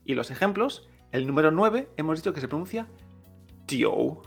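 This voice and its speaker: A young man teaching Chinese pronunciation in Spanish, explaining slowly, repeating sounds and adding a checking "eh?". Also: on the high side, animated, husky, soft background music. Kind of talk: pronunciation lesson.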